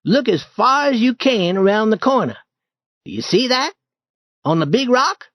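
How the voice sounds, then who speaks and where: A man voicing an eager, bold boy who leads an adventure in a storybook reading, in a lively and urgent manner. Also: extremely high pitch, normal speed, no room sound, voice pushed up, exaggerated voice. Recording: dull dry lo-fi recording.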